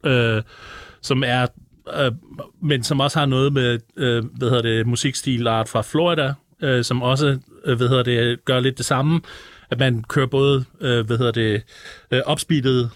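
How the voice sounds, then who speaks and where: A man from Detroit talks as a music panelist in a casual storytelling style. He rambles and leans on filler phrases, in a medium-pitched voice with a dry, close sound. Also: steady tone, no echo. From born in Detroit.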